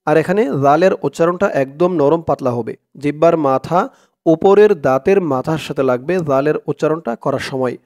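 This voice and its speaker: A man teaching Quran reading, chanting verses slowly and then explaining the rules in quick speech. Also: fairly high pitch, darkish tone.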